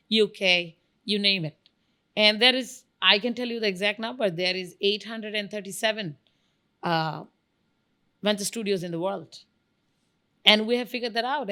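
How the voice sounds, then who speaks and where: A woman from Bangladesh, a venture studio founder appearing as a guest, answers interview questions emphatically and enthusiastically, listing examples. Her mid-range voice is bright and forceful.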